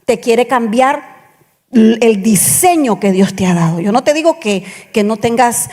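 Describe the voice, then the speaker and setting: A woman's voice: on the high side, measured pace. A woman pastor telling her own story in a sermon, acting out the dialogue as she goes. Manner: animated storytelling, acts out quoted dialogue. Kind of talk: sermon testimony. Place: church hall. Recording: reverberant church hall.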